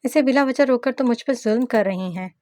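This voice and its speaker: A woman's voice: a little high, brisk, warm tone, dry recording, pitched above the performer's own voice, lightly acted. A woman voicing a playful, devoted young husband in a read-aloud novel. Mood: teasing. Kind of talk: scripted novel narration with acted dialogue.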